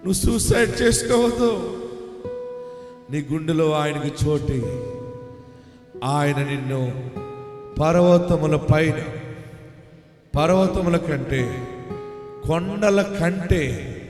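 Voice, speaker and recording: A man pastor leading an impassioned prayer sermon, often shouting and crying out to the congregation. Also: fairly high pitch. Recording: echoey hall with music underneath. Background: music.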